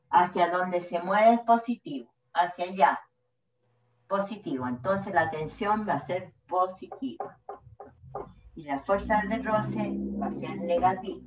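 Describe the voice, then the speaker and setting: A woman with a Chilean accent, teaching physics step by step to a class. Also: medium pitch. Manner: patient, step-by-step explaining. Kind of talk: classroom lecture at the board. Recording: echoey room, distant mic, dull sound.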